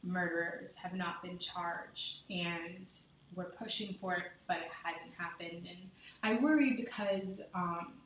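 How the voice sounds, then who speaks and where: A woman speaks in a low, earnest voice, choosing her words with care. Her heartfelt, deliberate talk is caught from a distance. The room rings with a heavy echo, and there is faint noise behind her. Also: fairly bright tone. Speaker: podcast guest, mother. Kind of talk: candid conversation.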